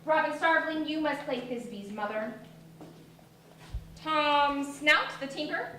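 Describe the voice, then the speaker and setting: A woman's voice: high-pitched, animated, takes it slowly, pushed and bright, exaggerated voice. A woman playing an earnest, firm troupe organiser, declaiming in a Shakespeare stage comedy. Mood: businesslike. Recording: echoey hall, distant mic, faint noise.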